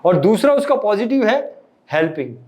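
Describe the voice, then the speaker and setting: A man's voice: high-pitched, sing-song, moderate pace, a little mellow. A man lecturing a live class, often quizzing his listeners and mixing in English phrases. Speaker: meditation and emotions teacher.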